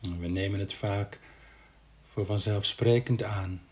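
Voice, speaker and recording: Male guide for body-scan relaxation. Lowish pitch, very unhurried delivery, gentle, spacious pauses. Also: steady tone. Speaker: meditation guide.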